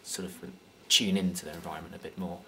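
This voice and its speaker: Low, gravelly young Englishman. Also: level tone, quick pace, sharp tone, a little hiss or hum. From United Kingdom. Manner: hesitant, many fillers and restarts. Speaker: guest. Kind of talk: casual interview answers.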